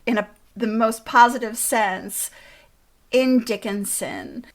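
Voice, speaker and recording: A woman interviewer speaking conversationally, with thoughtful and measured phrasing. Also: fairly high pitch, vocal fry.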